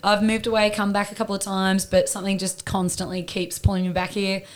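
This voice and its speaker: A woman's voice: medium pitch, level tone, fairly quick. An Australian woman from Newcastle, a podcast guest chatting casually and gushing about people she admires. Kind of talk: casual chat.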